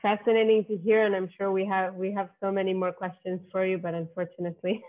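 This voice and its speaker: Polite host on a tinny call line, even delivery. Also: female voice, mid-range voice, fast talker. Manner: polite, moderates the guests. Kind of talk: video call interview. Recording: tinny phone-like call audio.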